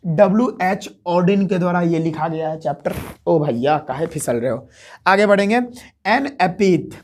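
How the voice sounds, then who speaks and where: A male teacher talks through memory tricks in a hushed voice, recorded in a room at home at night. He keeps asking his own questions and answering them right away, in an easy, repetitive classroom manner. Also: sits high. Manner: asks a question, then answers it himself; speaks softly to keep from waking others. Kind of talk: exam memory-trick lesson.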